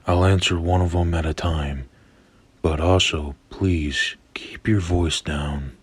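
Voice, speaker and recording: A man playing an adult male captor in a horror role-play, speaking with a sweet, eerily obsessive manner in a husky voice. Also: deep voice, steady tone, measured pace, no echo, voice pushed down. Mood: stern, controlled. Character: grown man captor, obsessively in love, falsely soothing.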